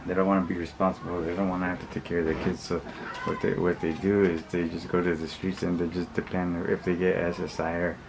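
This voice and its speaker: There is clear background noise around this man's voice. He has a low, monotone delivery. He rambles through his opinions in blunt street slang, often circling back and repeating himself. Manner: rambling, repetitive, halting, often backtracking. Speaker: vlogger. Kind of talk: casual opinion monologue to viewers. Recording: clearly noisy recording with background ambience.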